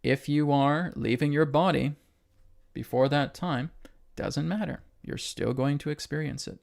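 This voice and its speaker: Delivering a forceful spiritual talk to online viewers, this channeler-host speaks in a gravelly, somewhat high voice at a slightly slow pace. He repeats himself for emphasis, asks rhetorical questions, and keeps ending points with "right?"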